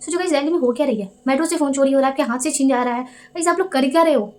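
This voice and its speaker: A young woman vlogger telling a story casually, with animated, indignant retelling and quoted dialogue. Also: high-pitched, very fast. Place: Delhi.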